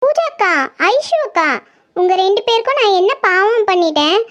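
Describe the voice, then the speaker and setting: A woman's voice: very high voice, normal speed, voice pushed up. A woman doing a timid stammering young girl. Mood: anxious. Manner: stammering, pleading. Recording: slightly dull lo-fi audio.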